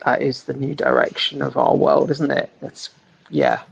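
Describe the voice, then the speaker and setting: A man's voice: mid-range voice, sing-song, moderate pace, creaky, husky, lo-fi sound. A man musing as a panelist in a casual online roundtable, speaking conversationally. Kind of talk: casual chat.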